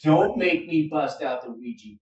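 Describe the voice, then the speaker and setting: A man's voice: on the high side, normal speed, darkish tone, slight background noise. A male podcast host tossing in wry joking asides in casual chat. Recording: roomy, far from the mic, dull.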